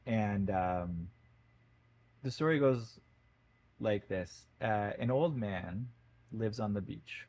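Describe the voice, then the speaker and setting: A man, a podcast guest, telling a story in a casual conversation, with fillers and animated emphasis. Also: fairly low pitch, slow, pauses often, rough recording.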